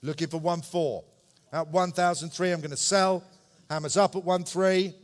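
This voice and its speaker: A man works as a live auctioneer, his voice a little higher than average. He repeats numbers in short, brisk phrases and adds polite asides to the bidders. The sound carries a long reverb from a large indoor hall. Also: fairly even intonation. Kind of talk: live auction calling, running bid commentary.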